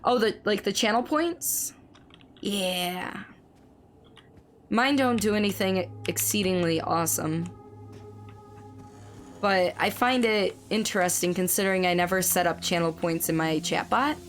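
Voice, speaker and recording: A woman streamer chatting through live gameplay commentary, reading and answering chat, her voice slightly hoarse as it recovers. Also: mid-range voice, unhurried, long pauses, soft background music.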